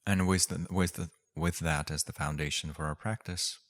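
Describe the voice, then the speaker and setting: The meditation teacher's voice is low and his intonation fairly even as he guides the practice. He takes his time, speaking gently with long pauses.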